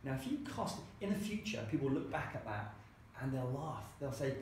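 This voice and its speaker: With a very animated, brisk delivery and a medium-pitched, slightly mellow voice, a co-working space founder swaps stories in an interview. He's chatty and performs the quoted dialogue of others. The recording has strong echo and faint hiss.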